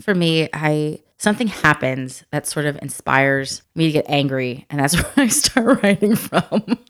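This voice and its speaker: A woman comedian in her thirties, chatting casually on a podcast and telling lively stories with frequent laughs. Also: sits low, measured pace, clean tone. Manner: animated storytelling, laughs often. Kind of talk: casual chat.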